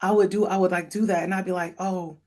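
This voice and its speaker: A woman in her thirties hosting a podcast from home, chatting in an excited, rambling way. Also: on the low side, quick pace. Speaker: podcast host. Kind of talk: casual interview chat.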